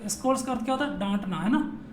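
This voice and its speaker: A man's voice: high voice, racing. Echoey male teacher drilling students playfully. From Rajasthan, India. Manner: drills students, asks and answers his own questions; playful, repetitive. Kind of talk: classroom grammar lesson. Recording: echoey room with faint noise.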